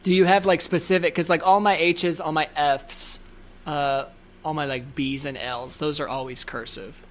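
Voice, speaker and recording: A man's voice: on the high side, fairly even intonation, normal speed, a bit bright. A man hosting a casual podcast chat, joking and self-deprecating, swearing freely. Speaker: podcast host.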